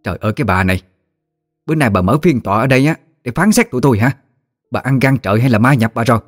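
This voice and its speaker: A man's voice: medium pitch, animated, quick pace, close to an everyday voice. A man doing an indignant aunt talking back.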